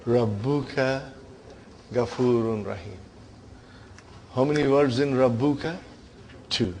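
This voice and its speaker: Slow, engaging male Arabic teacher. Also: medium pitch, a little mellow, slight background noise. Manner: engaging, frequent "huh?" check-ins; addresses class as brothers and sisters. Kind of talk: classroom lesson.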